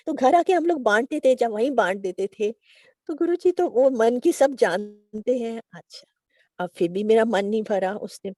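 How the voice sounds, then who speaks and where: Warm-voiced woman telling a devotional story. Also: medium pitch, dry recording, clean studio sound. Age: middle-aged. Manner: lively storytelling with quoted dialogue and soft chuckles. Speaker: devotee sharing a testimony.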